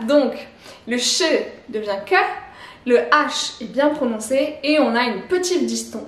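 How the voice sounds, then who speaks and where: High-voiced woman teaching pronunciation. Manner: explains slowly, repeats words, laughs softly. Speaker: language teacher. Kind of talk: pronunciation lesson. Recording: roomy echo.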